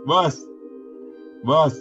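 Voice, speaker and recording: A man's voice: a little high, drawn-out words, pushed and bright, faint music behind. A man from Indonesia calling into a heated live debate, insistently repeating himself and demanding to be heard. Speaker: caller. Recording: muffled lo-fi call audio.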